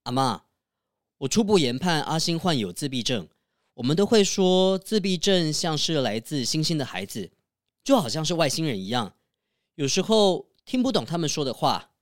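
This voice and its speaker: A man voicing a calm, reassuring middle-aged doctor in a children's audio story, explaining gently. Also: fairly high pitch, normal speed, dry recording, clean studio sound.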